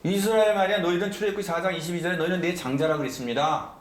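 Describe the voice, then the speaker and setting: A man's voice: sits high, fairly even intonation, racing, echoey room, slight background noise. A man preaching a sermon as pastor, emphatic and often asking the congregation questions. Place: church sanctuary.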